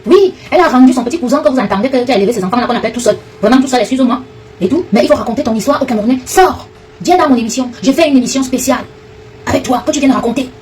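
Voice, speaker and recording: A woman ranting fast and confrontationally, addressing a rival directly in a heated online video. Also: high-pitched, darkish tone, far from the mic, poor audio. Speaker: online commentator. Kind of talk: heated direct-to-camera rant.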